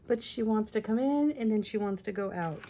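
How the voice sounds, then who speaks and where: Working through a scrapbooking tutorial in her home craft room, a woman with a mid-range voice and lingering rasp chats casually, tossing in apologetic asides. A fan runs in the background, leaving faint room noise.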